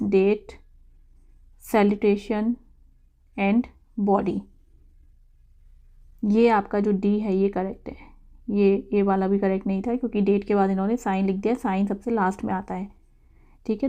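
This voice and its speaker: A woman, an English teacher going through exam quiz answers, who reads each English question slowly and then explains it in Hindi. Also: mid-range voice, flat delivery, mellow.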